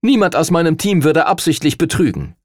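A man's voice: on the high side, lively intonation, fairly quick, no echo, studio quality, pitched above the performer's own voice. Man voicing a firm girl team captain. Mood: placating. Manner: firm, placating.

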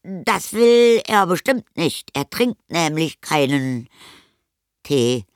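A man's voice: fairly high pitch, sing-song, takes it slowly, smooth, no room sound, clean studio sound, pitched above the performer's own voice, full character voice. A man reading an audiobook and voicing a nervous young boy who stammers out excuses. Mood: insistent. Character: young boy, flustered and evasive. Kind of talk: audiobook character voice.

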